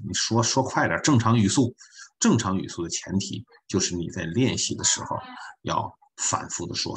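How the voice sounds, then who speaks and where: A man teaching an online French class, folksy and joking, repeating his points. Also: on the low side.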